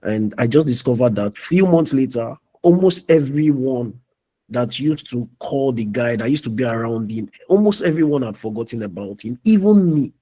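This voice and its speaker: A man's voice: mid-range voice, expressive, normal speed, mellow. A young man giving a preachy motivational talk as a mentor in a live online meeting, often asking "you understand?".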